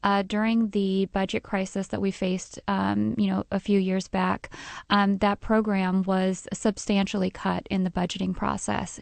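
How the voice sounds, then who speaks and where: Woman, interview guest, gravelly fry, flat intonation, hesitant explanatory phrasing. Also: medium pitch, no echo. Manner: hedging, frequent "you know" and "um". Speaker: charity representative, interview guest. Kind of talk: explanatory radio interview answers.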